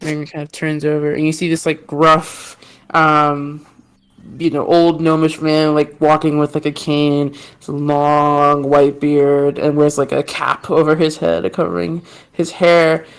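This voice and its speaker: A woman acting as game master, improvising narration in an informal, halting way with many uses of "like". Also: low-pitched, flat delivery, smooth, low-quality recording.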